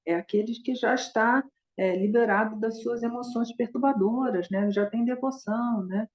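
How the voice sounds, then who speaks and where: A woman voicing a stern elderly male Buddhist master who calmly rebukes a disciple, speaking in a measured way with pauses. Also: a little high, natural voice.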